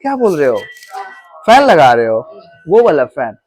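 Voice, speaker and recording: Male coaching teacher, high pitch, classroom drill style with faint music underneath. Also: huge pitch swings, measured pace, darkish tone. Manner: repeats his own questions to drill the class; addresses students as "beta". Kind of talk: classroom pronunciation lesson. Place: classroom with students.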